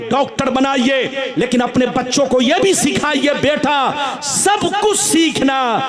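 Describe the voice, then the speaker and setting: Male preacher, very high voice, slow booming sermon delivery, exhorting a live crowd. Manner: exhorting, calling on the crowd to respond loudly. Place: large religious gathering.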